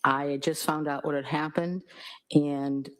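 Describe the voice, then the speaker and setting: A woman's voice: low voice, steady tone, a little slow. A woman testifying as a witness in a courtroom, answering hesitantly and carefully. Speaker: trial witness.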